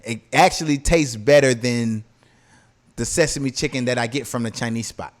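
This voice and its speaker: A man's voice: medium pitch, moderate pace. A man hosting a podcast, telling stories in casual, profane slang and often checking that listeners follow. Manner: slangy, profane, repeatedly checks with "you know what I'm saying". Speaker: podcast host.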